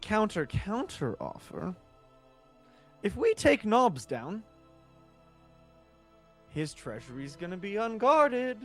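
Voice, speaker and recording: Man playing a slow-talking, cocky adventurer. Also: sits high, very animated, fairly bright tone, faint music behind, full character voice. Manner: boastful, unhurried, blunt. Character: cocky, battle-worn adventurer, brazen and confident.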